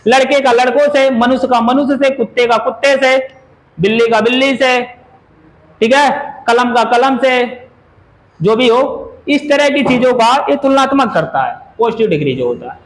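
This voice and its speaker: A man's voice: very high-pitched, moderate pace, low-quality recording. A man teaching a grammar lesson in a classroom, who keeps firing questions at his students and drills words by saying them over and over. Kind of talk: classroom lecture.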